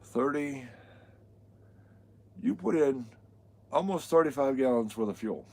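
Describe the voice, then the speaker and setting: A man's voice: medium pitch, animated, a little slow, vocal fry, a little mellow. A man co-hosting a travel vlog who chats casually, speaking bluntly and swearing freely as he tells stories with animation. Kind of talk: casual chat.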